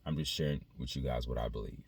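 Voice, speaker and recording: Very deep-voiced man thinking aloud. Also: creaky, husky. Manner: halting, reflective, repeats phrases as he thinks aloud. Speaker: video creator. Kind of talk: casual spoken monologue to viewers.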